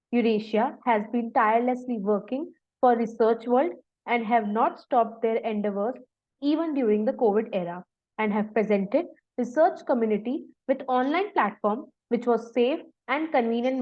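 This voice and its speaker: Polite woman hosting a video call conference. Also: a little high. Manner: polite, repeats thanks and okays. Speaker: conference host. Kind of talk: formal welcome and introduction. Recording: dull, lo-fi video call audio.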